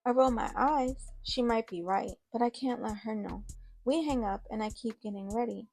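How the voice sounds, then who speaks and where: A woman's voice: a little high, normal speed, creaky, a little mellow. A woman telling a first-person story in a casual, conversational way. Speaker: narrator.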